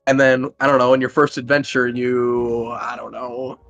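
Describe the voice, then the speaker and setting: A man's voice: medium pitch, little pitch movement, normal speed, creaky, a bit bright, muffled recording, faint music behind. A man co-hosting a casual chat about a tabletop game, rambling with many "likes" and casual swearing. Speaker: co-host reviewing a tabletop game.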